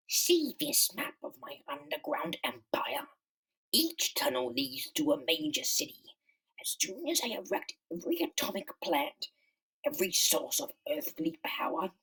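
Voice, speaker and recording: A man voicing a bitter, megalomaniac underground comic-book villain in a slow, theatrical, menacing monologue with a whispery rasp. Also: very high voice, fairly bright tone, far from the mic, pitched above the performer's own voice, full character voice, rough recording. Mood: gloating. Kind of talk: dramatic comic-book reading.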